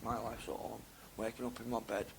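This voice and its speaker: A young man with a gravelly, fry-edged voice talks openly as an interview guest. His speech is slangy and rambling, rising to loud excitement and dropping to low mumbles. Faint noise sits underneath. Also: a little fast, rough recording. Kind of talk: candid interview talk.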